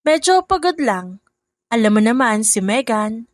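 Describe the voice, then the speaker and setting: A woman's voice: on the high side, very animated, unhurried, dry recording, clean studio sound. Woman voicing a two-faced scheming stepmother. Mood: sugary. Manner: sharp, scornful, sugary when on calls.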